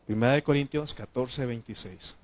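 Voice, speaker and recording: Fervent Mexican preacher calling for amens. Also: male voice, mid-range voice, fairly quick. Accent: Mexican Spanish. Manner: addresses the congregation as brothers, asks yes or no. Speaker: pastor. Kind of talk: sermon.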